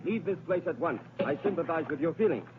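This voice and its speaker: Actor as a fast-talking firm Roman guard, tinny sound. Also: male voice, on the high side, animated, close to an everyday voice. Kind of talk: dubbed historical film acting. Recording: tinny, noisy narrow-band old film soundtrack.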